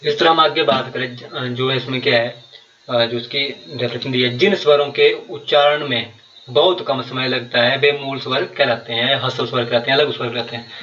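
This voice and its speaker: A man's voice: mid-range voice, fairly even intonation, moderate pace, sharp tone, reverberant, recorded from a distance, highs cut off. A man teaching a grammar lesson for exam preparation, explaining step by step and repeating key terms with many fillers. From Himachal Pradesh, India.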